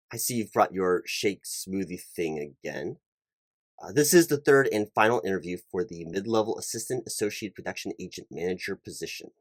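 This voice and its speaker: In a one-sided ASMR job interview roleplay, a man with a lowish voice plays a polite, fussy, slightly flustered hiring manager. He is welcoming but speaks formally and haltingly, over-careful and often repeating himself, in a dry recording.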